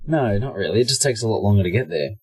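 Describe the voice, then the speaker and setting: A man from Australia chats casually from inside a cramped deep-sea submersible, dropping dry, joking quips. His voice is low and a little husky, and the sound is dry and close. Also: expressive, fast, darkish tone, no echo, poor audio. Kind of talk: casual chat.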